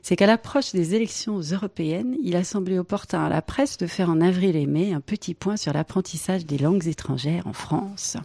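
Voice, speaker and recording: A woman's voice: on the low side, moderate pace, vocal fry, hardly any pauses, warm tone, no room sound. A woman presenting a radio press review, reading articles and adding wry asides. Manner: wry asides, light laughs.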